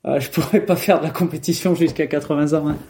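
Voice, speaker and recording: A man's voice: fairly high pitch, steady tone, fast talker, warm tone, slight background noise. A young man from France answering interview questions in a casual, hesitant way, with many fillers and restarts. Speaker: guest, professional triathlete.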